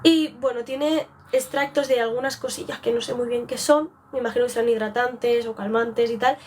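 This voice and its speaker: A woman's voice: fairly high pitch, steady tone, moderate pace, a little mellow, a little hiss or hum. A young woman from Spain with a Spanish accent, chatting casually on a live beauty stream and rambling off track. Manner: rambling, chatty, self-interrupting.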